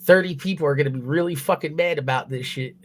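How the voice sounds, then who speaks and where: Speaking quickly in a fairly high voice, a young guy streams from his phone with casual, profane chatter. He rambles freely and cracks himself up with his own jokes.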